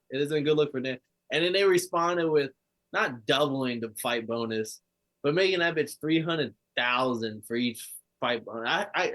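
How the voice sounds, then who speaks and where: A man hosting a casual sports podcast, talking excitedly and rambling, swearing freely. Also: mid-range voice. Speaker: podcast host.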